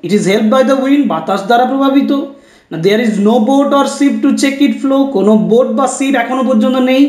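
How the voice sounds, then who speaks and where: A man teaching an exam-prep lesson, reading each English question slowly and then explaining it quickly in Bengali. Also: extremely high pitch, a little mellow, reverberant.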